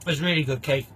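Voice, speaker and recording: A man rants to camera in an opinionated, mocking way. His voice sits a little high, and he sometimes talks through a mouthful of food. A faint background hum runs under the recording. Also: fairly bright tone. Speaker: vlogger. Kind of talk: casual ranting vlog.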